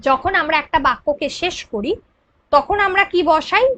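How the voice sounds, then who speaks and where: A woman's voice: very high-pitched, normal speed, a bit bright. A woman teacher with a Bengali accent explaining grammar for an exam, patient and checking in with her students. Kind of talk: exam prep grammar lesson.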